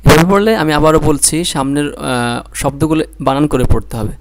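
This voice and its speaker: A man's voice: on the high side, moderate pace. A man with a Bangladeshi Bengali accent teaching Quran reading, drilling syllables one by one and explaining patiently. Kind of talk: slow spelling-out lesson.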